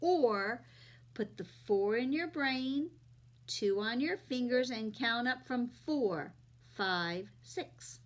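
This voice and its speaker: Slow-paced woman teaching like a kids' show host. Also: fairly high pitch, animated. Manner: simple, step-by-step explaining with questions to young listeners. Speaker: teacher of young children. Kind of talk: children's math lesson, like a kids' show host.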